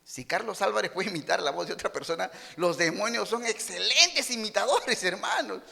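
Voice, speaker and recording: A man's voice: high voice, animated, normal speed, vocal fry, bright, forceful tone, in a large hall. A man preaching a sermon as a pastor in a church, acting out the people he quotes and punching his points with boxing-style exclamations. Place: church sanctuary.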